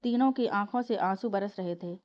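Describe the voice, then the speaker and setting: Woman, storyteller, steady emotive narration, mellow voice, muffled lo-fi sound. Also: mid-range voice, normal speed. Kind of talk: scripted narration of a family story.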